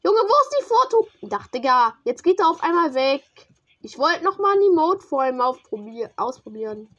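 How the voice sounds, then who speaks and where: Excitable high-voiced young woman gamer. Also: moderate pace, lo-fi sound. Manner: excitable, slangy, talks to a teammate while playing. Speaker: gamer streamer. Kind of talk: casual gaming commentary.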